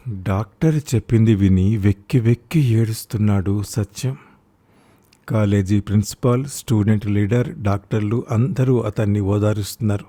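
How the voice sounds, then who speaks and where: A man narrating a story audiobook in a steady, formal reading manner. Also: lowish voice, normal speed.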